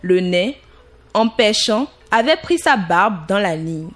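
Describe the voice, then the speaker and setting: A woman reads a fairy tale aloud in a calm, deliberate storybook style. Her pace is unhurried and her pitch sits in a middle range. Soft music plays faintly behind her voice. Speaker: narrator.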